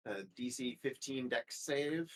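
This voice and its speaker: A man's voice: medium pitch, rough recording. A man playing a tabletop game with friends, joking and laughing often as he talks from his home setup. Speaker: player. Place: home setup with a camera on a tripod.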